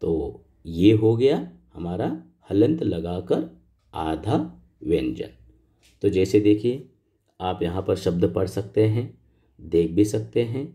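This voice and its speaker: A man's voice: sits low, animated, slow pace, mellow. A middle-aged man teaching a school grammar lesson, explaining patiently step by step and asking the pupils questions.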